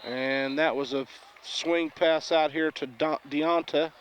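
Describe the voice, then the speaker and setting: A man giving local high school football commentary in a folksy, rambling way, full of fillers. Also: fairly even intonation, takes it slowly, slight background noise.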